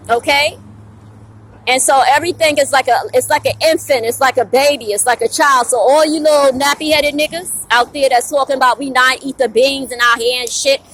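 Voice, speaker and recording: Fiery, preachy woman with a high voice. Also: fairly bright tone, rough recording. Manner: fiery, preachy, profane, drops rhetorical "right?" often. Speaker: vlogger. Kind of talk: blunt outdoor rant to camera. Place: outdoors at a bus stop with passing traffic.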